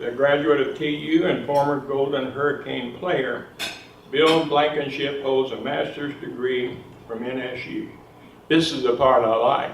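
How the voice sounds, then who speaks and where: A man's voice: medium pitch, dull audio. A man reading out a formal introduction of a guest speaker to a gathering. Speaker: introducer at a luncheon. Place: luncheon hall. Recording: echoey room, distant mic, noisy with clicks.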